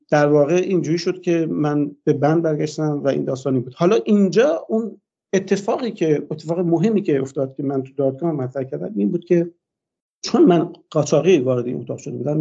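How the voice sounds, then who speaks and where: An older man with a slightly high voice that still sounds dark and mellow. He gives a long personal account for a radio interview, pausing often on "uh" fillers. The sound is dull and lo-fi. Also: gravelly, breathy edge. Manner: long, hesitant retelling with frequent "uh" fillers. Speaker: interview guest.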